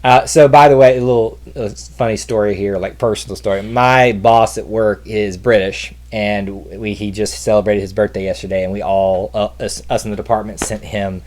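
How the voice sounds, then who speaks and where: A man's voice: on the low side, fairly even intonation, moderate pace, hardly any pauses, darkish tone. A man with a Southern accent co-hosting a casual trivia livestream, chatty and enthusiastic, often trailing off and restarting. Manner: enthusiastic, rambling, self-interrupting. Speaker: trivia show co-host.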